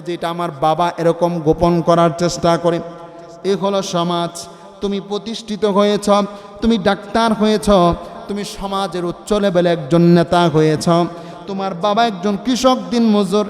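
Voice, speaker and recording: A male preacher with a Bangladeshi Bengali accent giving a waz sermon, moving from soft talk into loud sung chanting. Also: sits high. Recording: long hall reverb with faint music.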